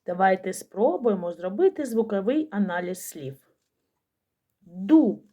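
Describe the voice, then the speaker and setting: A woman teacher giving a slow, careful phonics lesson to young children, sounding out each letter. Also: mid-range voice, very animated, warm tone.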